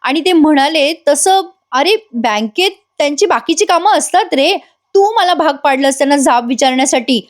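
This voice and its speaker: A woman's voice: high-pitched, lively intonation, moderate pace, voice pushed up. A woman voicing an upset young wife who quarrels with her husband in a pleading, exasperated way.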